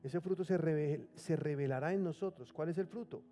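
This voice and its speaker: A man preaching a sermon from the pulpit, his voice high and mellow. He reads scripture with slow emphasis and has the congregation repeat key words. Soft music plays faintly behind him. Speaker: pastor.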